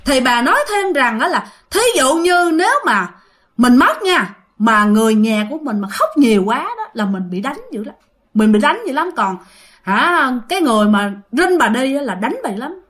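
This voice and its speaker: A Southern Vietnamese-accented woman spins ghost stories in relaxed, chatty fashion, repeating phrases and turning straight to her listeners. Her voice sits high and a bit bright, animated and at a moderate pace.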